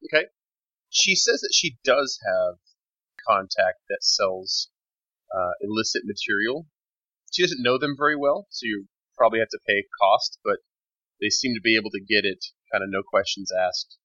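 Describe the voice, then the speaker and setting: A game master narrating a tabletop game in a relaxed, easygoing way. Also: medium pitch, normal speed, dry recording, muffled recording.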